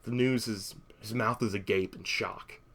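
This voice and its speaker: A man's voice: on the low side, steady tone, a little slow, a bit bright, slightly rough. A young man hosting a podcast, recapping a horror movie in a chatty way with wry asides and frequent fillers. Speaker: podcast host.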